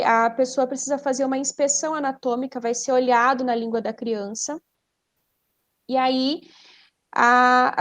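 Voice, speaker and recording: A speech therapist with a Brazilian Portuguese accent, guesting on a podcast, explains things conversationally and didactically, posing questions and then answering them herself. Her voice is fairly high in pitch.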